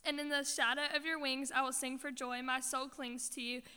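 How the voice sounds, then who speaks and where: A woman reads scripture in a high, bright voice that stays smooth and clear. Her reading is steady and measured. A long church reverb trails each line. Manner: measured, even reading aloud. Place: church sanctuary.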